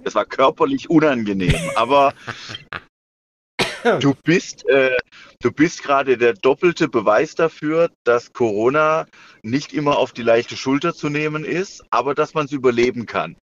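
A man's voice: medium pitch, a little slow. A man chatting as a podcast co-host through a car's hands-free speakerphone, joking and often stumbling over repeated words. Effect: car hands-free speakerphone call. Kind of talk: casual joking chat. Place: car on the road. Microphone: car hands-free system. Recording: lo-fi hands-free call with faint noise.

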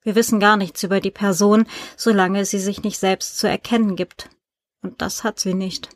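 A polite, persistent male journalist in an audiobook, read by a woman. He asks questions in a calm, businesslike way. The recording is dry and close. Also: medium pitch, normal speed, no room sound, natural voice. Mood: explaining.

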